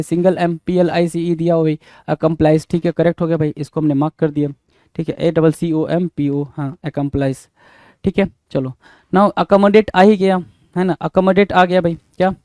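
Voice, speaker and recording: An English teacher with a high-pitched, slightly mellow voice that sounds clear and resonant, recorded with no echo, spells words letter by letter. Moving briskly, he repeats each letter, marks the right answer, and calls out to his students as "bhai."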